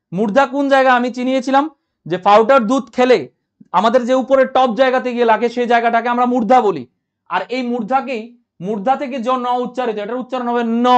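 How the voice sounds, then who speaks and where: A man teaching a live online grammar class, repeating each point and checking that everyone understood. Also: very high voice. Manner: reads out and answers viewer comments, repeats points, asks if clear.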